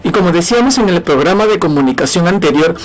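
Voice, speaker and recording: A man's voice: high voice, animated, quick pace. A young man with a Peruvian accent, a student answering the teacher in an earnest, recited way on an educational radio program. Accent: Peruvian Spanish. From Peru. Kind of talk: scripted educational radio lesson.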